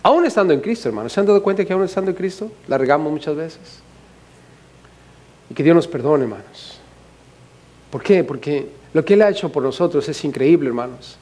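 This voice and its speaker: A man from Mexico with a Mexican accent, a pastor preaching a humorous, animated sermon full of questions to the congregation. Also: on the high side, fairly quick. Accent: Mexican Spanish.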